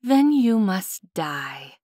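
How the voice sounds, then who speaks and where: A woman voicing a falsely jovial, mock-sad male fae high king in an audiobook. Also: very animated, a little slow, a little mellow, no echo, studio quality. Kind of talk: audiobook character voice.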